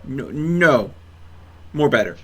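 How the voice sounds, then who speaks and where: A man with a husky, medium-pitched voice hosts a live gaming stream, sounding animated but taking his time. His banter is casual and mock-serious, and he rambles and stammers over repeated words.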